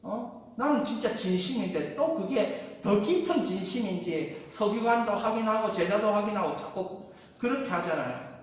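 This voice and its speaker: A woman pastor preaching a sermon with lively call-and-response to her congregation. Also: mid-range voice, normal speed. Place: large church sanctuary. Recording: echoey hall from far off.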